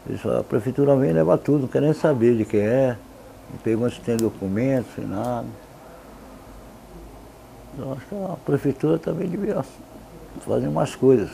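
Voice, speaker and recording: Rich: A man with a very dark, gravelly voice speaks plainly and with a grievance. A faint hum of the outdoors sits behind him. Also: mid-range voice, expressive, fairly quick, long pauses. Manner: plain-spoken, complaining. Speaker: interviewee, formerly homeless. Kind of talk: documentary testimony.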